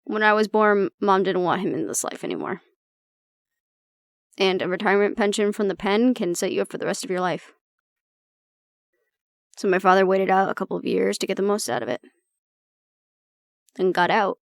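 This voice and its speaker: A woman performs an intimate monologue as an exasperated agent venting about her stubborn, disapproving father, reflective and explaining as she confides in the listener. Her delivery is blunt, sardonic, conversational and full of swearing, with long pauses at a moderate pace. Her creaky, mid-pitched voice sounds natural and is recorded close and dry.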